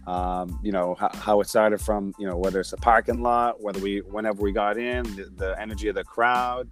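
A man hosting a casual sports podcast in slangy hype-man style, his voice hoarse from yelling and cheering. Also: lowish voice, fairly even intonation, fairly quick, soft background music. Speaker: podcast host.

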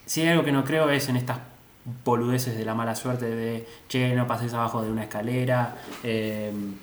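A man's voice: mid-range voice, fairly even intonation, normal speed. Rioplatense man hosting, echoey room. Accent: Rioplatense Spanish. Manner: joking, reads phobia list with "¿sí?" checks. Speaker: podcast host. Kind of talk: casual comedic podcast chat. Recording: echoey room, faint noise.

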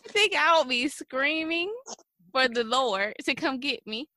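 A woman's voice: high-pitched, expressive, measured pace, pushed and bright. A woman co-hosting a casual group podcast, chatting earnestly. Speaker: podcast co-host.

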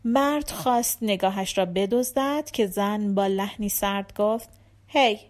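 A woman reading a short story aloud in a calm, measured narrating voice. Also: mid-range voice. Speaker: audiobook narrator. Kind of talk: scripted narration.

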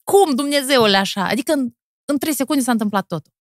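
A woman in her thirties, a TV presenter with a Moldovan Romanian accent, telling stories in a lively way with quick laughs and animated pitch jumps. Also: no echo, clean studio sound. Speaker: TV presenter, podcast guest. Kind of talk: casual chat.

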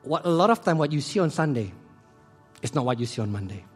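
A man preaching a sermon who swings between hushed and loud delivery. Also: on the high side, sing-song, fast, husky, soft background music. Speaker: pastor.

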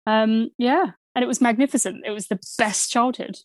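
A woman's voice: fairly high pitch, normal speed, a little mellow, no room sound. Chatty Essex woman in her thirties, dry sound. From Essex, England. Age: 30s. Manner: self-deprecating, playful. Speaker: podcast guest, university archaeologist. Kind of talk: casual interview chat.

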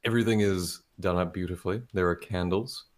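A man with a low, steady voice talks briskly as co-host of a casual movie podcast. His review chat wanders, full of restarts and frequent laughs.

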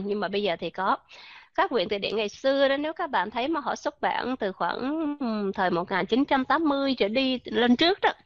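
A woman's voice: on the high side, no room sound. A woman teaching English pronunciation in a live online class, chatty, tossing in "ok" and rhetorical questions. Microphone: computer mic in a voice chat room. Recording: dull lo-fi online voice chat audio.

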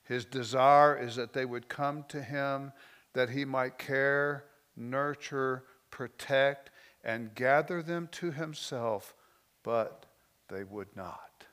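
A man preaching a sermon, moving between slow, emotional lines with soft drops and loose, conversational asides. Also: mid-range voice, clean tone. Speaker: pastor.

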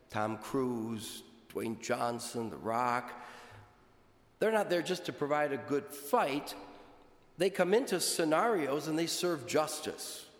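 A man speaking as a priest, reading scripture and preaching with a measured, deliberate church delivery in an echoing, cathedral-like church. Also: medium pitch. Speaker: priest giving a homily. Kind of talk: liturgical gospel reading and sermon. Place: large reverberant church. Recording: echoey cathedral-like church, long reverb.

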